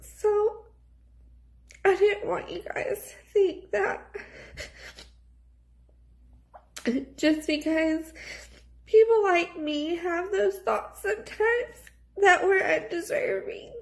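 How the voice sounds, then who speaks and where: Lady crying into her phone, all snotty and tearful, high creaky voice, talking slow. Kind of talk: emotional personal vlog. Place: small plain indoor room. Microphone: phone at arm's length.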